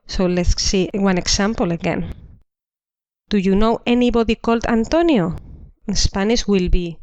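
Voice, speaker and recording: A woman teaching a language lesson, explaining slowly and repeating each example sentence twice. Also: mid-range voice, expressive, a little mellow, no echo. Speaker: Spanish teacher. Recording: dull dry lo-fi recording.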